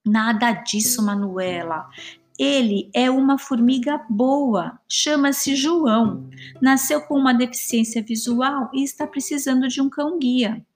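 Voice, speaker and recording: A woman reading a storybook voices a wise, motherly cicada who explains things calmly and gently. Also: high-pitched, measured pace, faint music behind.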